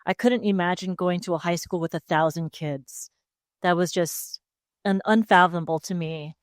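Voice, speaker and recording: A woman from Hawaii talks openly through her life story in a relaxed interview on a headset mic. Her voice is smooth and clear and sits a little low. The sound is dry and close. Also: moderate pace, no echo. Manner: open, steady storytelling. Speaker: guest, speech-language pathologist. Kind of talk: casual interview answers.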